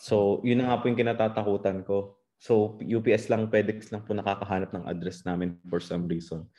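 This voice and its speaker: A man's voice: lowish voice, steady tone, a little fast, mellow. A man with a Filipino accent politely telling a story to a group on a video call, often adding respectful particles. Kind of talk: casual testimony sharing.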